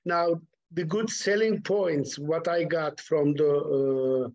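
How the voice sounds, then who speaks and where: Higher-voiced man on a dull line. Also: slow pace, darkish tone. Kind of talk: business call.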